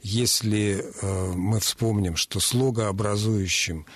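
A man's voice: fairly low pitch, fairly even intonation, slow pace, dry recording. A man in a radio studio lecturing on phonetics, with frequent hesitant fillers. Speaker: language expert.

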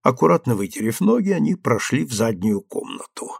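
A male narrator reading a novel in a measured, expressive way. His voice is gravelly and moves a lot in pitch, recorded close and dry with no room sound. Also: dry recording. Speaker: audiobook reader. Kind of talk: scripted literary narration.

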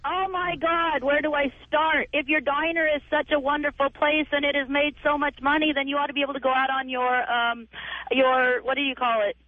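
A woman calls in to a radio show, sassy and cutting. Her voice is high and bright. The dry, thin sound comes over a phone line. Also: level tone, a little fast, dry recording. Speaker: caller. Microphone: telephone.

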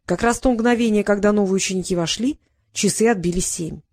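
A woman narrating an audiobook in a measured storytelling manner, close to the mic. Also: medium pitch, darkish tone, no room sound. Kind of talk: scripted narration.

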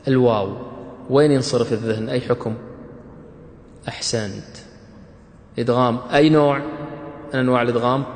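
A man's voice: medium pitch, fairly even intonation, fairly quick, long pauses, roomy sound, long reverb tail. A man teaching Quran recitation rules, quizzing his students with short questions and praising their answers.

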